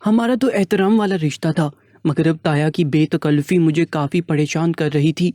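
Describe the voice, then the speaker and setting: A man's voice: on the high side, mellow, no room sound, studio quality. Man narrating a first-person story.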